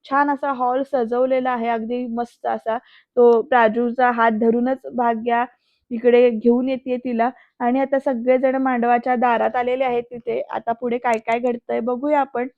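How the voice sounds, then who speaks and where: A woman's voice: on the high side, little pitch movement, normal speed, no echo, narrow, tinny audio. A woman reviewing a TV serial episode, retelling scenes in a chatty way and often speaking straight to her viewers. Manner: chatty, addresses viewers directly.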